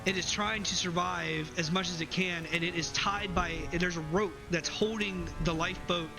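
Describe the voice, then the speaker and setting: A man narrating as game master of a tabletop game, calm and descriptive. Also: high voice, normal speed, creaky, music in the background, rough recording.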